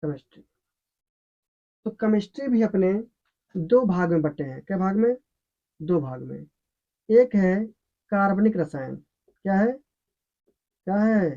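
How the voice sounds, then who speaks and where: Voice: mid-range voice, lively intonation, unhurried, pauses often, mellow. A teacher giving an explanatory science lesson who asks questions, answers them, and repeats the key terms. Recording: dull, lo-fi recording.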